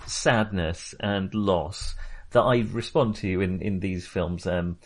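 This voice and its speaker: A British man with a low voice speaks slowly as co-host of a casual film podcast. He's hesitant and rambling, frequently cutting himself off mid-thought.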